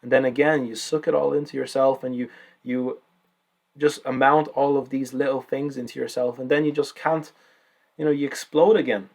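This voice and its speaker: A man's voice: mid-range voice, fairly even intonation, normal speed, vocal fry. A man presenting a self-help video in a casual, informal way, often repeating words and swearing now and then. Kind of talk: casual explainer talk.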